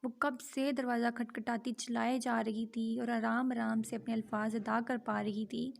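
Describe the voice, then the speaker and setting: A woman reading a romance novel aloud in a steady, monotone way. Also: fairly high pitch, gravelly. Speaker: novel reader.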